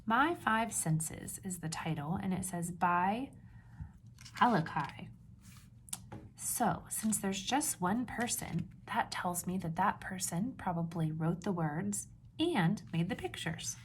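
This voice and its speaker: Like a teacher, a woman reads a picture book aloud to young children, stressing key words and asking simple questions, pausing before she confirms the answers. Her voice is lowish and expressive, with a little hiss or hum in the recording.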